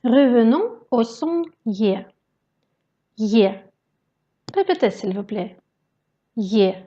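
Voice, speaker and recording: A woman teaching Russian vowels in a slow pronunciation lesson, carefully modelling each sound. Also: fairly high pitch, very animated, dark tone, lo-fi sound.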